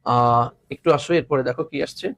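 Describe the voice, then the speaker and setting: Brisk and mid-range in pitch, a man from Bangladesh delivers a lively English grammar video lesson. Each point gets repeated, students hear plenty of rhetorical questions, and he slips in teasing asides.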